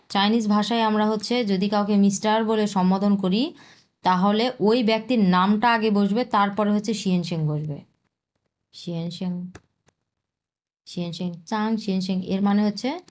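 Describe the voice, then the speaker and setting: Patient woman teaching Chinese. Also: mid-range voice. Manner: patient, repeats words slowly and breaks them into tones. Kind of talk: language lesson explaining vocabulary.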